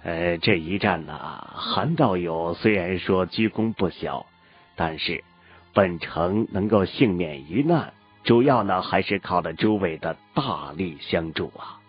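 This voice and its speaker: Man doing a deep-voiced old elder, measured, lo-fi, faint music. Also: expressive, breathy edge, heavily acted. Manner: measured, humble then stern. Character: silver-haired old male sect elder, modest and resolute.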